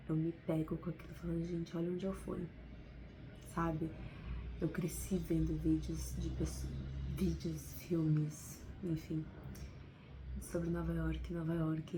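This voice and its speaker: A woman's voice: on the low side, noisy background. A woman with a Brazilian Portuguese accent, talking to camera in an unscripted, heartfelt motivational vlog, often adding little tag questions. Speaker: vlogger.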